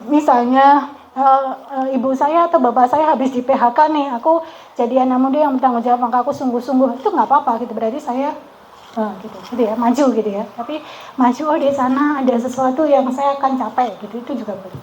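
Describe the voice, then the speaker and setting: A woman's voice: high voice, quick pace, darkish tone, muffled recording, a little hiss or hum. A middle-aged woman, a psychologist, leading a training session in a chatty, interactive way, often checking in with the group. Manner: chatty, keeps asking the group "betul ya?". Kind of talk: interactive workshop talk. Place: outdoor training venue.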